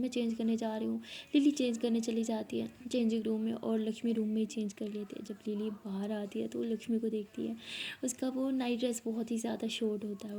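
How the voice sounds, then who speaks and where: A young woman narrating a love story in a casual way, speaking the characters' lines herself and often dropping to a soft whisper. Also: on the high side, creaky, breathy edge. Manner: acts out both girls' lines in her own voice, often whispering softly.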